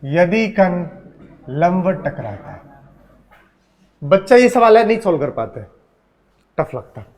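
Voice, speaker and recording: Lecturing on physics with a Hindi accent, a man teases his students and keeps quizzing them. His high voice is a little mellow, swings widely in pitch, and moves slowly.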